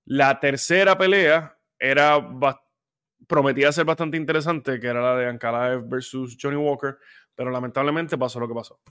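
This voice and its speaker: A man's voice: medium pitch, normal speed, a bit bright, clean tone. A man hosting a combat sports podcast in an easy, conversational way. His voice sits mid-range for a man, and he slips into heated, exasperated rants with hesitant fillers along the way. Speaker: podcast host.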